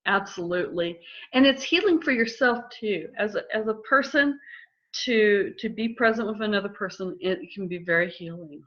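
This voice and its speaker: A middle-aged woman counselor explaining listening skills in a calm, measured way during a conversation. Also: medium pitch. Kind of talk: instructive conversation. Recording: slightly dull lo-fi audio.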